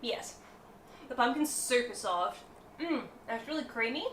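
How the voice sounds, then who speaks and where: Lively young woman food vlogger. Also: fairly high pitch, moderate pace, echoey room, a little hiss or hum. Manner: chatty and animated, tasting and commenting on food. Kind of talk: casual food vlog. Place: hotel room.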